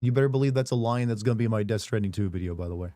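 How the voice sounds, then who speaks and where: Speaking rapid-fire in a low, dark, mellow voice still rough from hoarseness, a man rambles casually on a live stream, going through viewer messages with joking asides. The sound is dry and close-miked, free of room echo.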